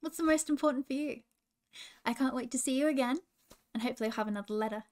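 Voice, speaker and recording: A woman in a princess role, gently coaching children and asking them questions. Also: high voice, fast talker.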